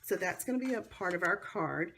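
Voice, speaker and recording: An American woman with a hoarse, cold-affected voice hosts a casual how-to craft demonstration in a chatty, enthusiastic way. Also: lowish voice, animated, a little fast, heavy background noise. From North Carolina, United States. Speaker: craft tutorial host.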